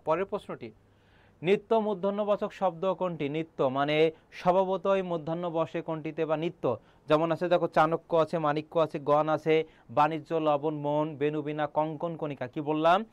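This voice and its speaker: A senior teacher in middle age, speaking with a Bangladeshi Bengali accent, conducts an online admission-prep lesson, explaining methodically, quizzing students regularly and clearing his throat throughout. His pitch is fairly high and his tone level, his delivery brisk, and the recording dry.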